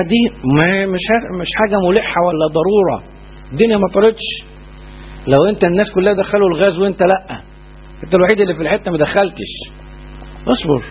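An Egyptian sheikh talks fast in a slightly high voice, leaning hard on his points. The sound is narrow and phone-like, with a faint hiss behind him. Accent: Egyptian Arabic. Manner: colloquial, emphatic, checks understanding with "clear?". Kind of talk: religious lesson and Q&A.

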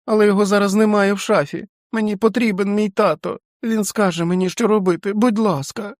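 Man doing feverish teenage boy, tearful, pleading, high-pitched. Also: fairly even intonation, fairly quick, dry recording, clean studio sound, natural voice. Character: feverish frightened teenage boy, whimpering like a small child.

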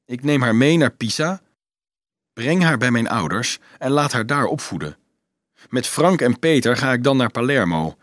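A calm, self-assured young student in a read-aloud storybook, measured and unhurried, as a male narrator puts him on. His voice keeps a lively melody, and the sound is dry and close. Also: mid-range voice, dry recording, lightly acted.

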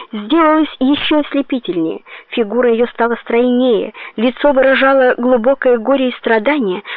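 A woman narrating a dramatic novel in a steady storytelling voice. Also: on the high side, dry recording. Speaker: audiobook narrator. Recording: tinny phone-like dry sound.

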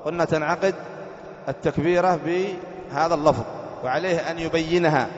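A sheikh teaching a classroom lesson on Islamic jurisprudence, explaining slowly, repeating phrases and asking his students questions. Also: on the high side, fairly even intonation. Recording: dull echoey hall recording.

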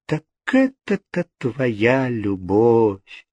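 A man's voice: a little high, slow, dry recording, pitched above the performer's own voice. A man voicing a desperate, tearful young woman who pleads and exclaims in a storybook reading. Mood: bitter sorrow.

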